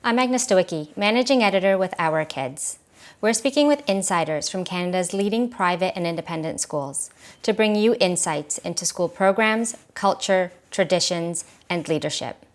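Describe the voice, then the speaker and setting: Host lady reading her show intro, kinda low voice, smooth and scripted. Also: moderate pace. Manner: even, scripted delivery. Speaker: managing editor, show host.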